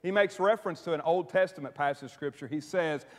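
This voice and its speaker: A high-pitched man preaches from the pulpit, lively and full of jokes, checking in with his listeners with quick "right?" asides. His voice rings out with a long reverb, as if filling a big church sanctuary. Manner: animated, joking preacher with frequent "right?" asides to the congregation. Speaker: pastor. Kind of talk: sermon. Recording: long reverb of a large hall.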